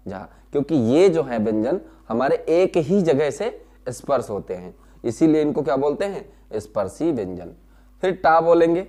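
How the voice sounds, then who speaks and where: A man teaching a lesson, explaining slowly, sounding out syllables one by one, asking questions and answering them himself. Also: mid-range voice, darkish tone. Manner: explains slowly, repeats key terms and answers his own questions. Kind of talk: classroom lesson.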